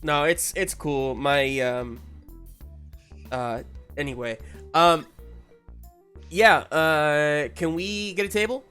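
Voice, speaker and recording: A woman with a low voice plays a tabletop roleplaying game. She improvises in casual, joking chat with some hesitation, over faint background music. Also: slow, long pauses, a bit bright, clear, resonant tone.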